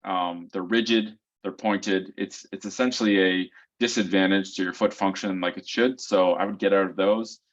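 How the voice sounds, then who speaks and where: A man's voice: low-pitched, fairly even intonation, normal speed, few pauses, dull audio. A man co-hosting a community Q&A call, explaining things step by step and often checking in with "right?". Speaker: co-host of a foot health community call. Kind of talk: casual explanatory Q&A answers. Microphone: video call.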